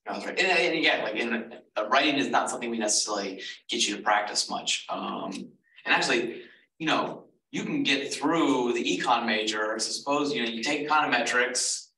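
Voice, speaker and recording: A man's voice: mid-range voice, brisk, sharp tone. Man, casual advisor, rambling, filler-heavy, distant mic, faint hiss. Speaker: economics advisor. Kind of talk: casual info session talk. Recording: echoey room, far from mic, faint noise.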